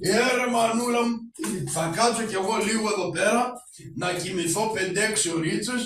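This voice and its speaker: A man voicing Karagiozis, a poor, cheeky and hungry shadow-puppet trickster, shouting and bantering quickly. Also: high voice, recorded from a distance. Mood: lazy sleepy. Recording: echoey hall from afar with music.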